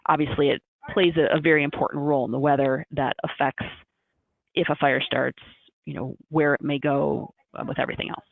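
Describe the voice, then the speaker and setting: A woman's voice: low voice, flat delivery, brisk, creaky, no echo. A woman meteorologist answering a question on a webinar video call, repeating words as she thinks aloud. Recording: tinny phone-like call audio with faint hiss.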